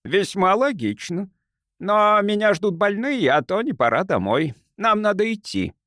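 A man voicing a genial, crafty doctor who bargains in a soft, sugary, unhurried voice for an audiobook. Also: high voice, sing-song, dry recording, clean studio sound, voice pushed up, heavily acted. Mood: sly, coaxing.

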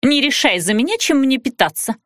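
A woman voicing a haughty, capricious young blonde woman who speaks in a drawn-out, imperious, snappish way. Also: medium pitch, animated, no echo, clean studio sound, close to an everyday voice.

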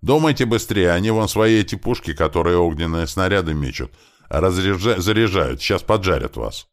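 A man voicing a captured young man who yells desperately across the battlefield. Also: low-pitched, animated, normal speed, pitched above the performer's own voice. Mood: yelling. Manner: yelling loudly and desperately. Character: Grach, a captured young man yelling from afar.

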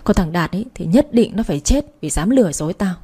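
A woman's voice: lowish voice, expressive, fast, mellow, slightly rough. A woman voicing a furious young mother who hurls bitter insults at the man who took her baby. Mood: bitter, vengeful.

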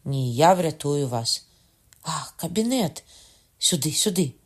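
A man's voice: on the high side, expressive, takes it slowly. A man reading as a frightened young queen, urgent and commanding. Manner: urgent, hushed then sharp.

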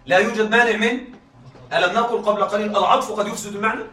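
A man teaching a class, often checking that students follow, repeating key points and reading examples slowly. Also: sits high, fairly even intonation, bright, forceful tone, echoey room, recorded from a distance. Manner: reads examples slowly and deliberately. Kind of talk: classroom lecture.

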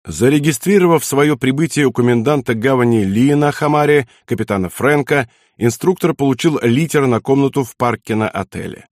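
A man narrating a war novel in a steady, measured audiobook reading. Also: medium pitch, no echo, studio quality.

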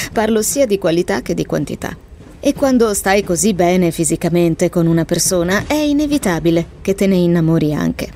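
A woman reading a scripted first-person letter in a measured, confessional manner. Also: fairly low pitch, darkish tone. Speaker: reader of a listener's letter. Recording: faint background noise.

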